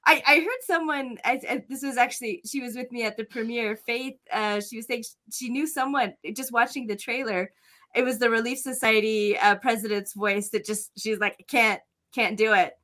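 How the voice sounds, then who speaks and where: Woman host, giggly and informal, bright highish voice, just chatting. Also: normal speed. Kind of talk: casual interview chat.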